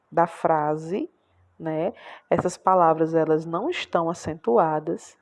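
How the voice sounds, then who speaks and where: A woman teacher with a Brazilian accent leads a classroom lesson. Her voice sits a little low, and she repeats each example word aloud. She keeps checking in with short tag questions as she goes. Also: a little mellow. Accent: Brazilian Portuguese. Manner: explains patiently, repeats words aloud, many tag questions.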